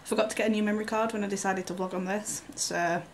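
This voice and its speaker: Woman in her twenties, casual vlog, chatty, rambling, giggly, mid pitch, faint background noise. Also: fairly even intonation, fast. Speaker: vlogger. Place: at home indoors. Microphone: handheld camera.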